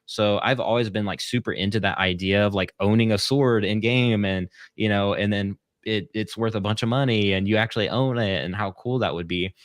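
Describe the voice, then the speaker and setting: A man's voice: on the low side, a little fast, few pauses, no room sound, clean studio sound. A man speaking as a guest in a casual interview, rambling and hesitant, with many fillers. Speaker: guest, content creator.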